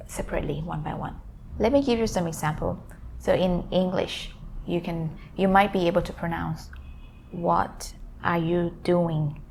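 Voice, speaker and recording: A woman's voice: fairly low pitch, creaky, a little mellow, a little hiss or hum. A woman hosting a language learning video, explaining pronunciation tips step by step with some hesitations.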